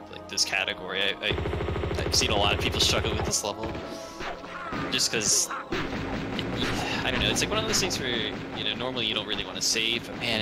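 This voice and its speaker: A man's voice: on the low side, poor audio. A man giving casual speedrun commentary, chatty and rambling, with lots of fillers and easy laughs.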